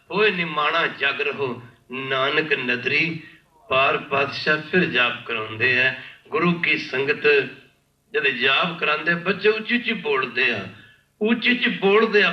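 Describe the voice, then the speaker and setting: A man from India preaching a sermon with storytelling, impassioned and repeating his phrases, often pausing to beg the congregation's pardon. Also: on the high side. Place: large worship hall. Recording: echoey hall, distant mic, dull lo-fi.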